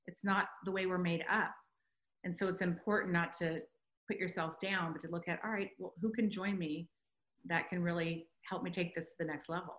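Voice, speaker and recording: A woman's voice: on the low side, steady tone, brisk, a bit bright, echoey room. A woman in casual conversation as a guest, speaking in an earnest, reflective way about her business.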